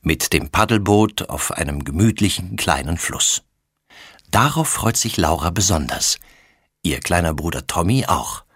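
A man reads a children's story aloud in a low, somewhat husky voice. His delivery is expressive, with a wide, animated melody. The recording is dry and close, with no room sound. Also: measured pace, no room sound. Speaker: audiobook reader.

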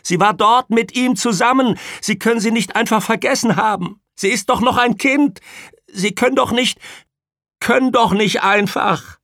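A man voicing a desperate mother who pleads in a shrill, frantic voice. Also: lively intonation, measured pace, hardly any pauses, dry recording, clean studio sound, exaggerated voice.

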